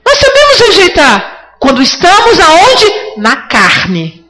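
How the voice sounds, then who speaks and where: A woman's voice: extremely high pitch, wildly swooping pitch, slow pace, bright, forceful tone, rough recording. A woman preaching a sermon to her congregation, fervent and rising now and then to cries.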